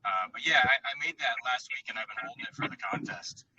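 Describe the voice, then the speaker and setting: A man's voice: medium pitch, animated, brisk, bright, forceful tone, muffled recording, a little hiss or hum. A man calling in from his car over a spotty mobile line, chatting casually and rambling with many fillers. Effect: calling in from a moving car over a spotty mobile connection. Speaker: podcast guest, contest entrant. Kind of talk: casual chat. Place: car while driving.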